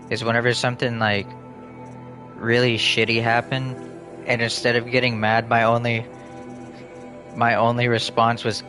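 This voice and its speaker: A man streaming a video game, chatting casually in a rambling, profane, joking way. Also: mid-range voice. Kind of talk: casual chat while gaming.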